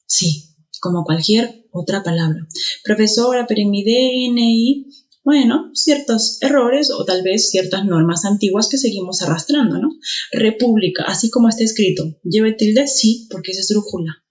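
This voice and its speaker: A woman teacher gives an online grammar lesson. She explains step by step and keeps checking in with quick tag questions. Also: mid-range voice, expressive, darkish tone. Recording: dull lo-fi recording.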